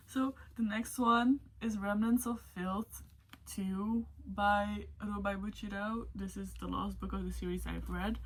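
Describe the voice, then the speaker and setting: A woman vlogging casually about books, rambling and emotional with many fillers and self-corrections. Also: medium pitch. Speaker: book vlogger. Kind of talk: casual book ranking vlog.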